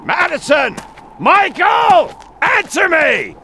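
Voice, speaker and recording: A man's voice: mid-range voice, sing-song, moderate pace, fairly bright tone, a little hiss or hum, pitched above the performer's own voice. A man voicing a tough male soldier and father, speaking in terse radio talk and calling out names.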